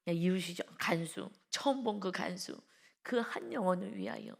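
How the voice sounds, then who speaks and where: A woman pastor preaching an early-morning sermon, emphatic and full of rhetorical questions to the congregation, moving between hushed lines and loud emphasis. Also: fairly low pitch, very animated, moderate pace, creaky.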